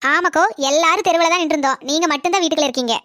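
A woman voices a nosy cartoon neighbor who eagerly spreads street gossip, speaking with a Kanyakumari Tamil accent. Her voice is very high-pitched, very fast, bright and forceful, with no echo. She tells the story breathlessly and eagerly, in the style of cartoon comedy dialogue.

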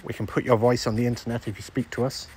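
A man on a ghost hunt, slowly and patiently putting questions to unseen spirits at an old estate ice house. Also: mid-range voice, level tone, darkish tone, slight background noise. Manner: slow, coaxing questions to an unseen listener. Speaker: ghost hunter.

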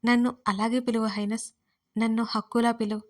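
A woman's voice: on the high side, flat delivery, fairly quick, darkish tone, lightly acted. A woman voicing an affectionate young man who teases his sweetheart, in a romantic audio story. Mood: tender. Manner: sweet, teasing, a little sarcastic.

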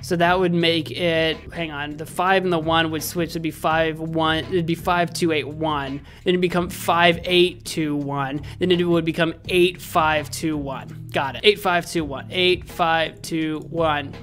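A man in his thirties with a high voice plays through a game and talks as he goes. He is casual and jokey, thinking aloud close to the mic, with faint music behind him. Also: fairly even intonation, unhurried, few pauses, a bit bright. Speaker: gaming host. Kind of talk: casual playful game commentary. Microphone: desk microphone close to the mouth.

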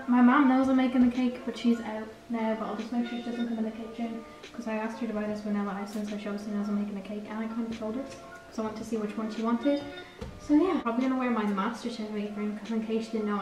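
A teenage girl vlogs while baking in her home kitchen, chatting fast in a rambling way and correcting herself. Her voice is a little high with a level tone. A camera across the kitchen picks her up from a distance, with roomy echo and background music.

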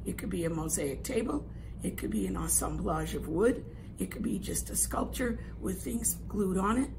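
A woman in her sixties with a hoarse, raspy voice that thins toward a whisper at times, teaching an art lesson in an instructive, emphatic way. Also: mid-range voice, expressive, normal speed. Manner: instructive, emphatic, checks understanding with "okay?". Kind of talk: classroom lesson, explaining an assignment. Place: classroom art room, indoors. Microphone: camera a few metres away. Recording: clear room noise.

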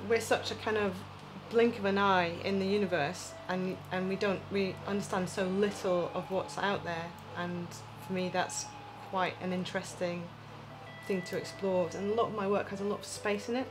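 A woman artist musing aloud in an interview, pausing often. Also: medium pitch, fairly even intonation, over music, rough recording. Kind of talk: interview monologue.

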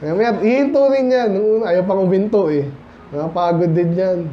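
A Filipino man preaching at a midweek church Bible study, his voice sitting high for a man. He talks conversationally, dropping English phrases in and calling out for amens. The recording is dull and lo-fi, with a faint hiss behind him. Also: brisk. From Philippines. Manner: conversational, often calls out for amens from the congregation. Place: church hall.

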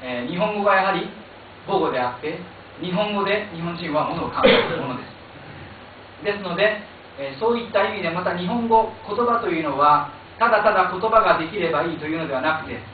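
Middle-aged male moderator with a Japanese accent, halting delivery, on a distant phone-like recording. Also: sits high, animated. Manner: halting, many fillers and restarts in English. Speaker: panel moderator. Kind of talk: bilingual panel moderation. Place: small meeting room indoors. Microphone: stand mic, filmed from far camera. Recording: echoey, distant, phone-like hiss.

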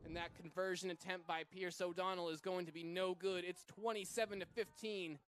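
A man from Massachusetts calling a live rugby match play by play, with energetic delivery that surges to shouts on big runs. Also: sits high, fairly quick, slight background noise. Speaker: play-by-play commentator.

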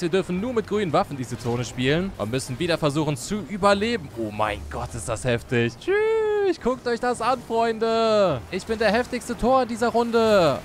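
A man's voice: fairly high pitch, a little hiss or hum. A man giving joking Let's Play commentary, playacting a lazy beer-bellied Thor and exclaiming often, with game music behind him. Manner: excitable, frequent "oh, oh" exclamations. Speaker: gaming YouTuber.

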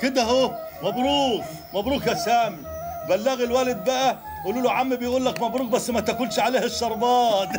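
An actor with an Egyptian accent playing a joking, hearty older uncle. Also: male voice, very high voice, fast. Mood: jovial. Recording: old archive with loud music.

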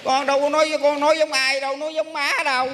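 An actor playing an exasperated, henpecked husband with a Southern Vietnamese accent, complaining comically on stage. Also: male voice, very high-pitched, little pitch movement, quick pace. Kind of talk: stage comedy acting. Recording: stage recording with background noise.

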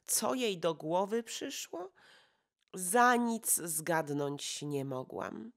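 Excitable gossipy society lady, breathless and exclaiming, voiced by a woman reading an audiobook. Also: fairly low pitch, extremely slow, full character voice. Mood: chatty, confiding.

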